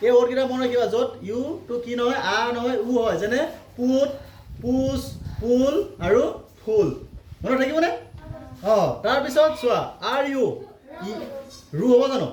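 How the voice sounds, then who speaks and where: A man teaching children phonics, spelling letters out slowly and sounding the words, then asking questions and answering them himself. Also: very high voice, highs cut off, a little hiss or hum. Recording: echoey room.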